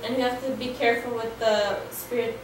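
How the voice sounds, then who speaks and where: A young woman interprets a sermon line by line, hesitating and using fillers and restarts, her voice a little high, flat and moderately paced. She's in a living room set with framed pictures, picked up by a far camera in an echoey room with faint music and a little hiss or hum.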